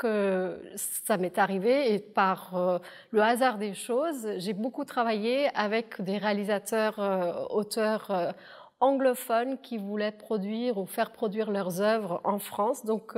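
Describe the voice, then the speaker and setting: A woman in her thirties from southern India, giving a thoughtful testimonial interview with many pauses and hesitations. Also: medium pitch, a little mellow. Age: 30s. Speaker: interpreter and alumna.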